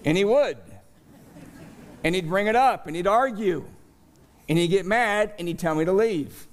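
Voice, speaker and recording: Middle-aged preacher guy, slightly high voice, slow storytelling sermon. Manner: storytelling, slow and deliberate with animated rises. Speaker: pastor.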